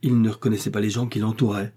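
A man narrating a novel in steady storytelling. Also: fairly low pitch, fast talker, slightly rough. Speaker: audiobook narrator. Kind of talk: scripted narration.

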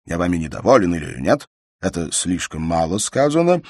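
A man voicing a pompous, indignant aristocratic father who lectures grandly and breaks into a shrill falsetto. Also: big pitch swings, a little fast, darkish tone, dry recording, studio quality, full character voice. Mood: pompous lecturing. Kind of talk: audiobook character reading.

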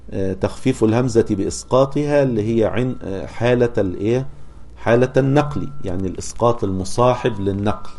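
Low-voiced man teaching, slow questioning style. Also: warm tone, a little hiss or hum. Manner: asks rhetorical questions and slows to chant verse and Quran examples. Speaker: teacher of Quran recitation. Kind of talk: explaining a scholarly text to students.

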